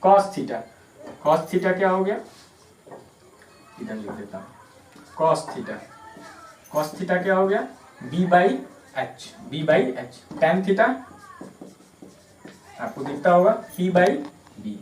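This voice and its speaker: Patient teacher spelling terms in an echoey room. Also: male voice, sits high, expressive, recorded from a distance, slight background noise. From Bihar, India. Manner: patient, repeats terms slowly, spells words letter by letter. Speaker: maths teacher. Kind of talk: classroom lesson explaining at a board.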